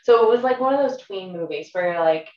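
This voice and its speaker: A woman's voice: lowish voice, lively intonation, fast talker. Distant, roomy-sounding woman chatting casually. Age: 30s. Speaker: podcast guest. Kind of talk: casual chat. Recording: roomy, distant, slightly dull microphone.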